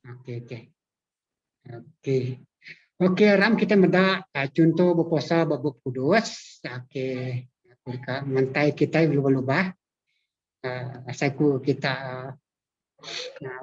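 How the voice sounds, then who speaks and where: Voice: medium pitch, darkish tone, highs cut off. A pastor, teaching a Bible class over a call, repeating key phrases and checking that listeners follow.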